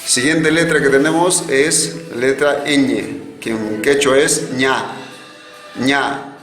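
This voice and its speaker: A man teaching a virtual language class, slowly repeating each word so learners can echo it. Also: medium pitch, steady tone, fairly bright tone. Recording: echoey room with faint music.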